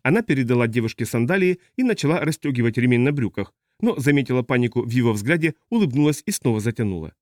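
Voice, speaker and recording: A man reading an audiobook as narrator, measured and even. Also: mid-range voice, no echo, studio quality. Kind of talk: scripted narration.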